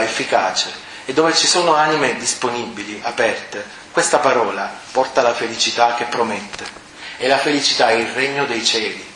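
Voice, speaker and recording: A man from Sicily, preaching a fervent sermon to a prayer group and swelling to near-shouting on key words. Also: mid-range voice, noisy background. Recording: echoey hall with faint ambience.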